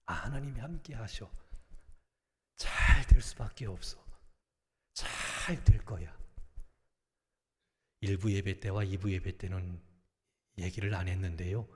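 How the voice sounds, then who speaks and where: Middle-aged pastor guy preaching, gets loud then drops to a near whisper, big echoey church hall. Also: deep voice, measured pace, pauses often. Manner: emphatic preaching, shifting between loud exhortation and hushed near-whispers. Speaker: senior pastor. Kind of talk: sermon. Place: large church sanctuary. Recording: long reverb of a church sanctuary.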